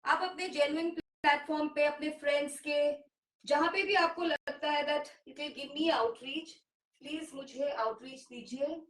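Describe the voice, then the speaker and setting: Middle-aged woman, Indian English accent, live selling stream, high-pitched, echoey room. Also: steady tone, distant mic. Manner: mixes Hindi and English, drawn-out sales pitch. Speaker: seller hosting a live sale.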